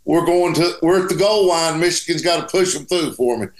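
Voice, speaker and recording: A man with a somewhat high voice gives casual sports commentary as a co-host. He is emphatic, repeating phrases to hammer home his point. The recording has a clear room echo. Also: a little fast. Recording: roomy, echoing sound.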